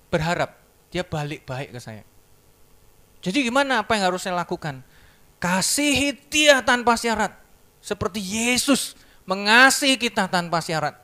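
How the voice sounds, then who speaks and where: A man giving a sermon testimony in church, telling his story in a lively way and acting out the dialogue. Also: high voice. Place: church service.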